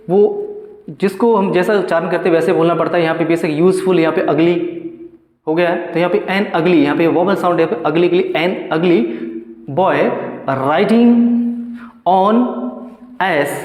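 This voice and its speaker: Teacher in an echoey room. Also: medium pitch. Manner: reads example sentences slowly, then explains in quick bursts. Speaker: English teacher. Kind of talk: explaining a grammar exercise. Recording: echoey room with long reverb.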